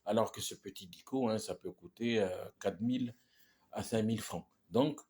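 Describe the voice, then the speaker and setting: A man teaches English pronunciation in French, in a loose, halting way, circling back and restarting his sentences. His voice sits a little low and sounds husky. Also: dark tone. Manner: repetitive, halting, with many restarts and "hein", "ok?". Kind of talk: casual spoken lesson.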